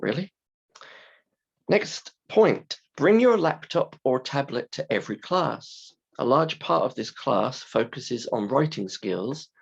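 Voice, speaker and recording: A man teaching a class in simple, deliberate, emphatic phrases, his voice hoarse, croaky and creaky from a sore throat. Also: medium pitch, muffled recording. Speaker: university English teacher. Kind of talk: scripted-slide lesson explanation.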